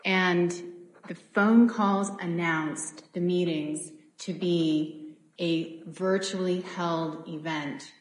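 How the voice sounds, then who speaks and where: A woman attorney giving a formal appellate oral argument, measured and polite with occasional fillers. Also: lowish voice, steady tone, roomy sound, low-quality recording. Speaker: attorney arguing for a city.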